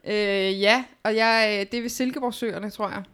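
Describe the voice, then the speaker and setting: This is a woman, joining a comedy podcast over a video call. She tells a funny childhood story in a lively, animated way. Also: fairly high pitch. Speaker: podcast co-host. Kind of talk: casual joking chat.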